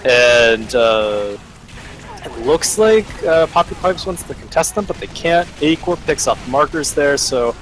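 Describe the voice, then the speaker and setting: A man giving analytical play-by-play commentary on a live esports match, pausing often on "uh". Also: fairly high pitch, expressive, fairly bright tone, poor audio. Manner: analytical, hesitant, many fillers. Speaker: esports caster.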